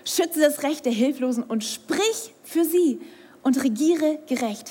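A woman's voice: sits high, warm tone. A young woman preaching a sermon, speaking with emphasis, asking rhetorical questions and sometimes dropping to a whisper. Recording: hall with long reverb.

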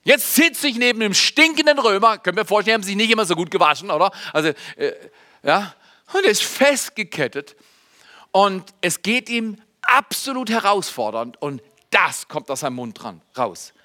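A pastor preaching a sermon to his congregation, animated and speaking to them directly, with loud emphatic bursts and quiet asides. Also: sits high, normal speed. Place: church service.

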